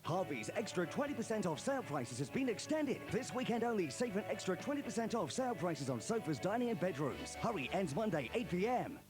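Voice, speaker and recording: A man's voice: high-pitched, big pitch swings, a little fast, hardly any pauses. A man doing an urgent, punchy hard-sell voice-over for a retail sale advert. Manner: urgent, punchy salesman delivery. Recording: TV advert with music behind.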